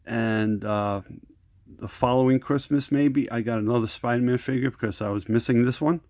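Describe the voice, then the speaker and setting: A man's voice: medium pitch, steady tone, normal speed, darkish tone, no room sound. A middle-aged man casually reviewing action figures, rambling and nostalgic, often repeating words and restarting sentences. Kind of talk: casual toy review vlog.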